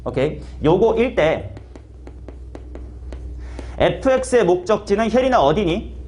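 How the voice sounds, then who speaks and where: A male math teacher giving a classroom lecture. His voice sits high and swings widely in pitch as he explains. He talks in a casual, slangy way and keeps putting questions to students by name. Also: big pitch swings, measured pace, darkish tone.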